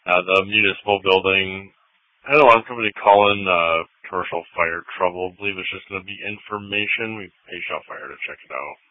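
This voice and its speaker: A man's voice: low voice, brisk, no room sound. A man working as an emergency radio operator, giving terse call signs and codes over a crackly two-way radio transmission. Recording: tinny dry radio scanner audio.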